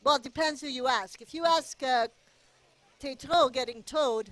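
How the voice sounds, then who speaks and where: A woman's voice: sits high, normal speed. A woman doing casual play-by-play commentary at a go-kart race, chatty and cheering the drivers on. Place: outdoor go-kart race track.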